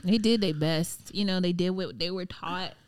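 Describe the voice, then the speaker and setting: A woman talking colloquially in a candid conversation, affirming others and telling animated stories. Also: lowish voice, moderate pace. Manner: warm-hearted affirming, colloquial, animated storytelling.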